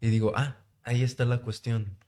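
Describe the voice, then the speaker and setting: A man, a podcast guest, talking in a relaxed, reflective way. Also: medium pitch, fairly quick. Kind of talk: casual podcast conversation.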